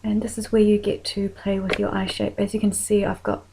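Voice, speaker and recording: A woman with a New Zealand accent talking through a makeup tutorial in a soft voice that often drops to a whisper while she works. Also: medium pitch, flat delivery, brisk, a little hiss or hum, poor audio.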